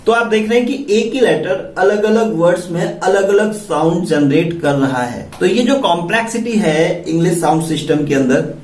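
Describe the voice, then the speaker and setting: A man's voice: high-pitched, expressive, moderate pace, few pauses, darkish tone. A man with an Indian accent teaching English vocabulary, spelling words out letter by letter and asking the class questions. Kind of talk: classroom-style vocabulary lesson. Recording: echoey room, mic at a distance.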